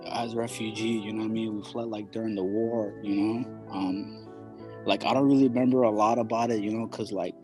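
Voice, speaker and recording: Low husky-voiced laid-back young man. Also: darkish tone, no room sound. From Somalia. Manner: laid-back, halting, constant "you know". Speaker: hip hop artist. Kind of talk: casual interview.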